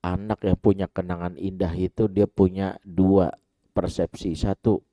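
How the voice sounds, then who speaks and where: A man delivers a mosque sermon on parenting, his voice deep and mellow. He tells stories with animated energy, acting out the voices of the people in them and turning to his listeners as "Pak." The sound is close and dry. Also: a little slow, no echo, highs cut off. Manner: animated storytelling, acts out quoted voices, addresses audience as Pak. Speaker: preacher. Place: mosque hall.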